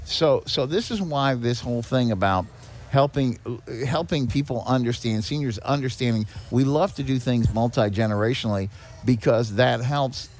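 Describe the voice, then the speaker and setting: Appearing as a podcast guest, the director of a seniors' charity talks conversationally, explaining things and often repeating or restarting his words. His voice is mid-range and darkish, at a moderate pace.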